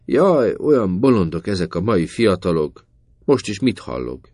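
A man voicing a loud, chattering old village woman in a read story. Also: low-pitched, sing-song, no echo, clean studio sound. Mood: excited gossip.

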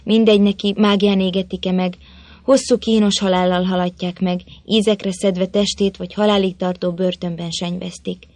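Woman narrator, storybook reading, expressive, measured, middle pitch, dry close sound. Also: no echo.

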